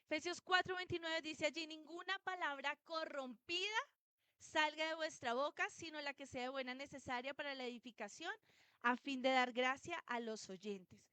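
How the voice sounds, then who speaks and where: A woman's voice: high voice, moderate pace, bright, forceful tone, no echo. A woman preaching a sermon to a church congregation, telling stories and putting questions to her listeners. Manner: storytelling, asks the congregation questions.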